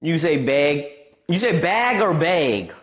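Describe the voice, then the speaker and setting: A young man from Wisconsin speaks slowly in a slightly high voice, carrying a Midwestern American accent. Chatting casually with his stream viewers, he rambles in a laid-back way, leans on lots of fillers, and perks up when something amuses him.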